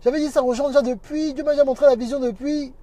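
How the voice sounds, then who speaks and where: A man's voice: very high-pitched, steady tone, fast, dark tone, no echo. A man talking on a casual livestream, preaching emphatically and greeting viewers by name as he goes. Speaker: minister and social media teacher.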